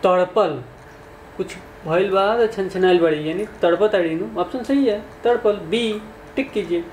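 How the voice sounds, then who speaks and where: A man's voice: high voice, measured pace, a little mellow. A man, teaching exam questions in a conversational way and asking his listeners questions. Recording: echoey room, faint background noise.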